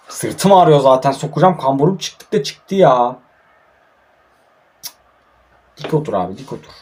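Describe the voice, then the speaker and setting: A man's voice: mid-range voice, a little mellow. A young man from Turkey giving casual, frustrated commentary while playing a mobile football game, grumbling and swearing often.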